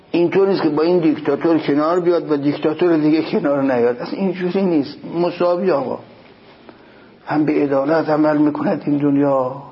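A man preaching a religious sermon, reciting Arabic passages and explaining them in Persian, rising emphatically on key points. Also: a little high. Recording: dull lo-fi recording, faint noise.

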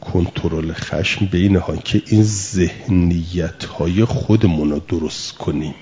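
A man's voice: low voice, darkish tone, highs cut off. A man teaching a lesson, patiently explaining through everyday examples and asking rhetorical questions. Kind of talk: spoken lesson.

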